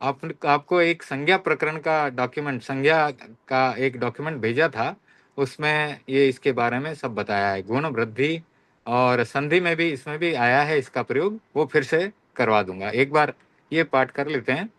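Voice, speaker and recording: A man teaching a Sanskrit class, reciting verb forms one by one in slow, repeated drills and often checking that students follow. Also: mid-range voice, fairly bright tone, dry recording. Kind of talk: online class lesson.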